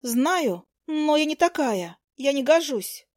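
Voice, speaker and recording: A woman's voice: high-pitched, animated, takes it slowly, no room sound, studio quality, pitched above the performer's own voice. A woman voicing a shy young werewolf girl who talks timidly and stammers, in a storybook reading. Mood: shy, nervous.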